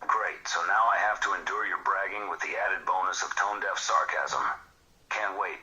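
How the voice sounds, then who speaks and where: A grumpy, short-tempered mutant, voiced by a man who meets every joke with scorn. His voice sits very low yet cuts with a hard, sharp edge. He speaks in curt, irritable bursts. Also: normal speed, poor audio. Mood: scornful. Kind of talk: comic banter dialogue.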